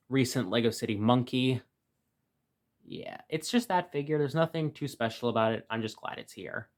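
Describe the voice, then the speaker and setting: A man giving a casual, rambling review of a toy set from his room, full of fillers and restarts. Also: medium pitch.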